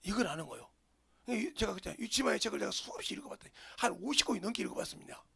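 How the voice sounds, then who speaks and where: A male pastor from the region, preaching a sermon in an animated way and dropping into whispers for emphasis. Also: high voice, racing, creaky, slightly rough. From Jeolla, Korea.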